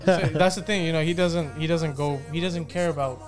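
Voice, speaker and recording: A man's voice: fairly high pitch, steady tone, a little fast, soft background music. A man in his twenties, a videographer guest, chatting casually in a laid-back, slangy way and swearing freely. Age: 20s. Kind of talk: casual podcast chat.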